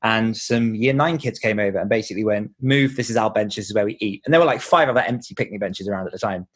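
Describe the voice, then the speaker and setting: A British podcast host and author is being interviewed on his own show, chatting casually in an informal, jokey way. His voice sits lowish and he talks fast.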